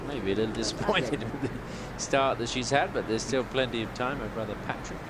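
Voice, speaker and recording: A man's voice: mid-range voice, brisk. A man doing live golf commentary with brief remarks on shots and players. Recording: loud crowd and outdoor noise.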